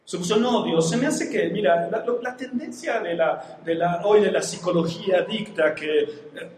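A man delivers a sermon in a notably high voice. He talks in an animated way, throwing rhetorical questions at the congregation. The sound rings with the long echo of a large hall. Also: moderate pace. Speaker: preacher. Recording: echoey hall, faint background noise.

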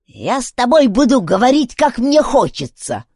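A woman doing a slow, scolding, hostile old woman. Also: medium pitch, wildly swooping pitch, slightly rough, no echo, studio quality, full character voice. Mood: threatening. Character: grumpy old female camp woman, hostile.

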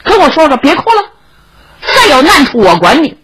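A woman voicing a kind, chatty young male swordsman who coaxes and brags, with a raspy voice. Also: high-pitched, sing-song, normal speed, a bit bright, pitched above the performer's own voice, low-quality recording. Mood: coaxing. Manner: coaxing, chatty, a bit boastful.

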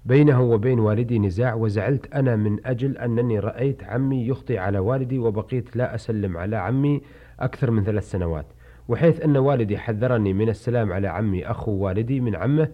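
A man hosting a radio programme, formally reading listeners' letters in a measured, classical manner. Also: fairly low pitch. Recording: dull lo-fi old radio recording.

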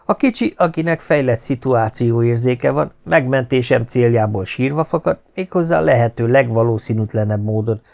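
A man narrating an audiobook in a wry, expressive storytelling manner. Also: mid-range voice, gravelly, hardly any pauses.

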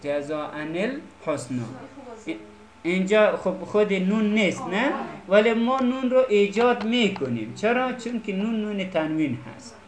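A man's voice: high-pitched, lively intonation. A man teaching an Arabic reading lesson, patiently checking that students follow. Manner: patient, checks understanding with repeated questions. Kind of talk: classroom Quran reading lesson. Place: classroom. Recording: echoey classroom.

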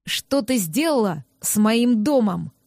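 Woman playing a snarling rough neighbor man, slow heavy growl, lower and louder, dry sound, audiobook. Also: lively intonation, no echo, exaggerated voice. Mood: furious. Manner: growling, barking commands. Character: rough, angry bearded young male neighbor.

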